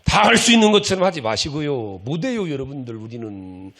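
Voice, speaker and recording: Middle-aged male pastor, sermon; fervent, folksy, scolding, gravelly edge, swooping pitch. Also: very animated, a little fast, a bit bright. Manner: impassioned preaching, acts out prayers and pleas; folksy, scolding, conversational with the congregation.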